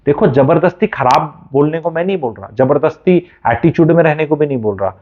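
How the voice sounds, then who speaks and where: A man's voice: a little high, expressive, a little fast. Blunt man, phone-like sound. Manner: blunt, mixing Hindi and English. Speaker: communication coach. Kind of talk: motivational talk. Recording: phone-like narrow band.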